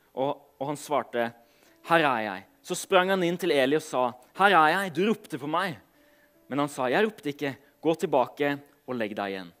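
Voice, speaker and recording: The preacher here is a man whose voice sits on the high side. After reading scripture aloud, he talks in a relaxed, slightly hesitant way, with his phrase endings softly trailing off.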